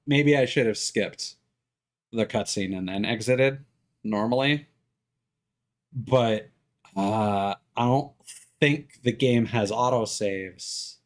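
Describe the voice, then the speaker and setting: On a live stream, a man with a lowish voice offers relaxed, opinionated remarks, rambling in a stop-and-start, halting way.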